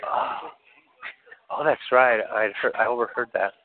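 A man's voice: mid-range voice, steady tone, unhurried, background noise. A man with an American accent chatting casually and informally with family and friends, using slang. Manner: informal, slangy, peppers talk with Spanish greetings. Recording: thin phone-like sound with people chattering.

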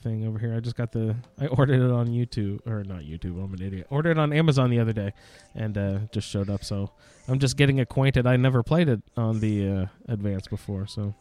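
A man's voice: on the low side, fairly quick, darkish tone, no room sound. A man hosting a gaming podcast in a casual, informal, self-deprecating way. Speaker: podcast host.

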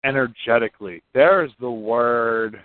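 A man's voice: medium pitch, measured pace, no room sound. A man co-hosting a radio show with casual, teasing banter, repeating phrases for emphasis. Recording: narrow phone-like sound.

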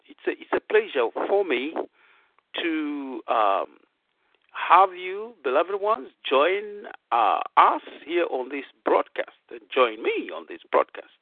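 A man's voice: a little high, no room sound. A middle-aged Zambian-born man, a pastor hosting a radio broadcast, talks casually with many fillers and emphatic rises. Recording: tinny phone-line radio broadcast.

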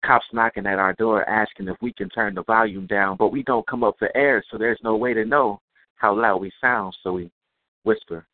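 A man's voice: fairly low pitch, lively intonation, moderate pace, no room sound. A man performs spoken-word poetry in a rhythmic, rhyming flow. His voice sits mid-range and comes through thin and tinny, as if over a phone line, in a completely dry space. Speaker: guest poet.

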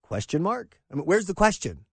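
A man's voice: high voice, moderate pace, slightly rough, no room sound. A middle-aged man hosting a talk radio show from a diner, ranting in an opinionated, mocking way and acting out quotes. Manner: animated, mocking, acts out quotes. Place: broadcasting live from a diner.

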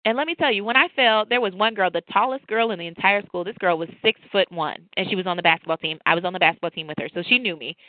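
A woman co-hosting a faith talk show, telling a lively personal story and drawing a lesson from scripture. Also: medium pitch, fast, hardly any pauses, dry recording. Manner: storytelling, animated, preachy asides. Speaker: podcast co-host. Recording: tinny phone-like line, dry.

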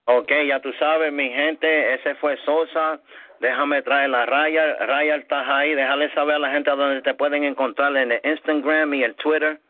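A man's voice: on the high side, fairly even intonation, a little slow. A man hosting a phone rap battle, announcing in a laid-back way and calling up the next rapper. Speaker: battle host. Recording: tinny phone line.

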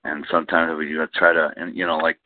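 A man's voice: extremely low pitch, level tone, fast, no echo. A man rambling in a casual group call, laughing between remarks. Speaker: call-in show participant. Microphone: phone. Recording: phone-line audio.

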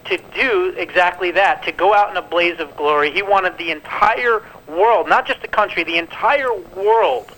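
A man's voice comes over a landline phone as he calls into a radio show, sounding bright and a little high. He rambles through his commentary, thinking aloud and filling gaps with "uh" and "you know.". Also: moderate pace, few pauses, rough recording. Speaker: radio show guest calling in.

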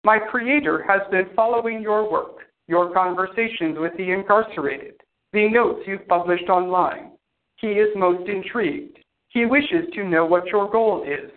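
A man's voice: high voice, measured pace. A man voicing a cold, formal male artificial intelligence that speaks precisely and without emotion. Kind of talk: audio drama acting. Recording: tinny phone-like sound.

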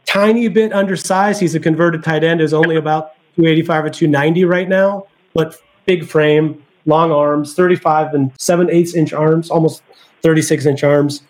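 A man's voice: a little high, fairly even intonation, normal speed. A man on a sports podcast, thinking aloud as he weighs draft prospects in casual chat. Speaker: podcast panelist.

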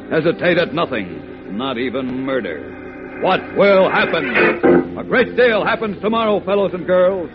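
Old radio announcer, a man over organ music. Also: a little high. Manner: theatrical, suspenseful build-up. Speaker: announcer and narrator of a radio serial. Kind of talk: old radio announcer, 1940s dramatic radio narration. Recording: vintage radio broadcast, dull band, organ music.

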